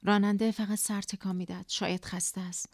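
A woman narrating a literary story in first person, quiet and introspective. Her pitch sits mid-range and barely moves, giving an even, restrained read. The sound is dry and close, with no room around her. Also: no echo. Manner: subdued, quiet, introspective reading. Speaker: audiobook narrator.

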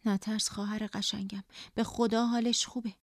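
A woman voicing Parvin, a gentle female colleague softly consoling a friend in a storybook. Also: medium pitch, level tone, dry recording, clean studio sound, close to an everyday voice. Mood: tender. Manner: soft, tender consoling.

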